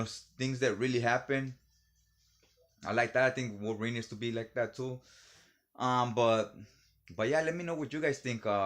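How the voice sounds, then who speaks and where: Male vlogger, casual commentary, rambling, slightly tipsy, mid-pitched voice. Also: a bit bright. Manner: rambling, loose and conversational. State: a little tipsy from drinking. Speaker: video host.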